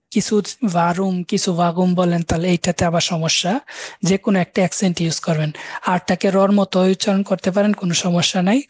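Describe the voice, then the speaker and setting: A man teaching German in a live online class, repeating and slowly spelling out words. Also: sits high, a little mellow, no echo. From Bangladesh.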